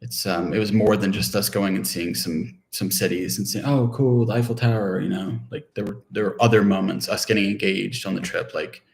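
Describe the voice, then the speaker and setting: Man, thirties, from Ohio; low, gravelly voice, halting reflective livestream co-host. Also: steady tone. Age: 30s. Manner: halting, many restarts and fillers, reflective. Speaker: vlogger co-host. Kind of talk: casual livestream chat.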